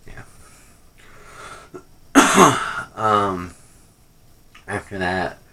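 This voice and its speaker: A man's voice: sits low, unhurried, gravelly, a bit bright, slight background noise. A man giving a casual, off-the-cuff rant review, rambling and hesitant, often trailing off, with a critical, unimpressed manner. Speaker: wrestling pay-per-view reviewer.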